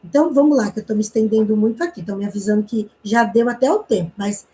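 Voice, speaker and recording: A Brazilian woman from Paraná teaching an online communication class, telling a personal story in a chatty way, with frequent tag questions and quick snatches of reenacted dialogue. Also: mid-range voice, dark tone, poor audio. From Brazil, interior of Paraná.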